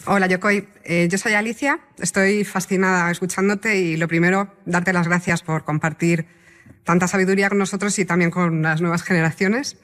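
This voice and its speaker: A woman's voice: lowish voice, steady tone, a bit bright. Woman from the audience, polite careful question, big echoey room. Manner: polite, grateful, measured questioning. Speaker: audience member asking a question. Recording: echoey hall reverb.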